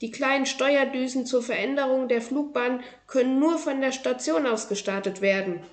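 A woman's voice: sits high, moderate pace, roomy sound, pitched above the performer's own voice, natural voice. Firm, instructive mission control from a storybook, voiced by a woman. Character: ground control voice giving instructions.

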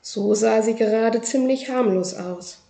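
A woman narrating a children's book in a lively, expressive storytelling manner. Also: on the high side, unhurried, vocal fry. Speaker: audiobook reader. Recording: roomy echo.

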